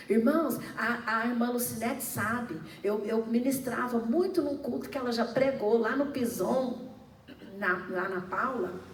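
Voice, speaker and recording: Slow fervent Brazilian woman preaching. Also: fairly high pitch. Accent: Brazilian Portuguese. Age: middle-aged. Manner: fervent preaching, calling out to the congregation with frequent hallelujahs. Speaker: pastor. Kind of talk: sermon. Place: church. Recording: echoey room, mic at a distance, faint ambience.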